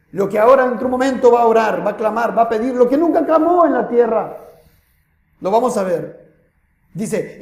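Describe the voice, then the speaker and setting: High-voiced impassioned preacher. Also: male voice, creaky, roomy sound. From Peru. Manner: impassioned, rhetorical questions, swings from loud to hushed. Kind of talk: sermon. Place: church.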